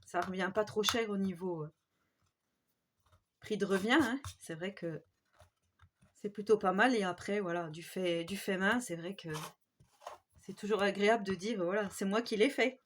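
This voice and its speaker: A woman's voice: mid-range voice, a little slow, pauses often, a little hiss or hum. A woman from Haute-Marne with a marked regional French accent, chatting hesitantly through a craft tutorial and often adding "hein". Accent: Haute-Marne French with Swiss border touches. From Haute-Marne, France. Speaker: craft YouTuber. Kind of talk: casual DIY tutorial talk.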